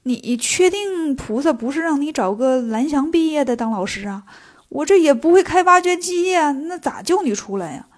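A woman's voice: high-pitched, expressive, moderate pace. A woman voicing a timid, chatty male traveling monk in a storybook telling. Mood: fretful.

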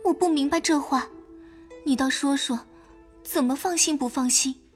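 A woman voicing a fragile young noblewoman in a Chinese-style audio drama. The voice sits high and light, breathy and a little distant, with faint music behind. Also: moderate pace, lightly acted. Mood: wry, wounded. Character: frail, sensitive young noblewoman, proud and touchy.

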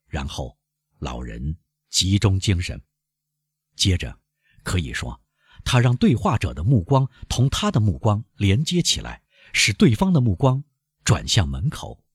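A man narrates a classic novel in a deep, husky voice. He reads slowly and lets the pitch swing widely for drama. The sound is dry and close. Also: no room sound. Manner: measured, expressive storytelling. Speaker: audiobook narrator. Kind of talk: slow scripted narration.

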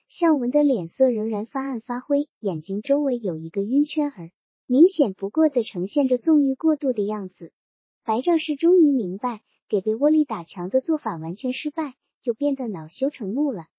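A woman reading a novel aloud with an even storytelling delivery. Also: sits high, slightly rough, no echo. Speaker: audiobook reader. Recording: dry dull lo-fi recording.

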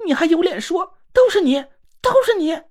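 A man's voice: sing-song, moderate pace. A man voicing a hysterical eighteen-year-old girl sorceress, crying and screaming in a storybook reading. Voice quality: shrill, screaming. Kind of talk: audiobook character voice.

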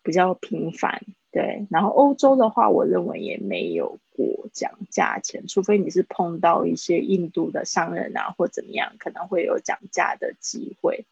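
A woman teaching a live online English lesson, pausing to repeat words for pronunciation. Her voice is gravelly and husky. The sound is dull and dry, like a home stream. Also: lowish voice, big pitch swings, darkish tone, no echo. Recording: dull, dry livestream audio.

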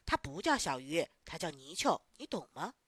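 A woman's voice: low voice, very animated, moderate pace, breathy edge, dry recording, voice pushed down, exaggerated voice. A woman voicing a skeptical know-it-all village boy who challenges another child in a storybook. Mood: doubting. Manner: doubting, challenging.

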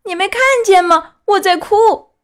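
A woman voicing a young wooden puppet boy in an audiobook, pleading in a high wailing voice. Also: a little slow. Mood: eager. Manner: high wailing, sobbing pleas. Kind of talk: audiobook character voice.

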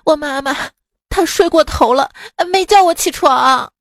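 A woman's voice: sits high, measured pace, slight background noise. A woman voicing a tearful little schoolboy who stammers through his sobs in a comic radio sketch. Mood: sobbing.

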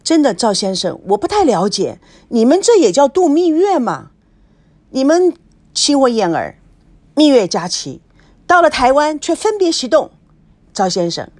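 A woman voicing a sharp, relentless female TV talk-show host who presses her guest with probing questions. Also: sits high, voice pushed up.

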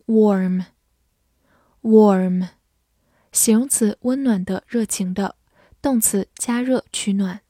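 A woman narrating a scripted vocabulary lesson, saying each English word twice and then defining it slowly. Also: medium pitch, dark tone, no echo, studio quality.

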